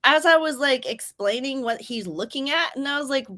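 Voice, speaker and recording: This young woman hosts a writing stream, speaking at a moderate pace in relaxed conversation. Her storytelling is lively, and her voice swings widely in pitch as she acts out what people said.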